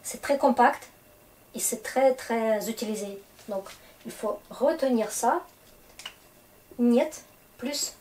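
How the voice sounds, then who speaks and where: Slow, patient woman teaching a language. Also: a little high, darkish tone, a little hiss or hum, rough recording. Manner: slow, patient explaining with frequent hesitations. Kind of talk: explaining grammar to French learners.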